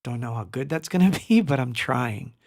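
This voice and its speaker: Gravelly-voiced man chatting on a livestream. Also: mid-range voice, lively intonation, normal speed, no echo, clean studio sound. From Argentina. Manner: rambling, reads chat names aloud, laughs often. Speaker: livestream host. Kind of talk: casual live-stream chat. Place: home studio.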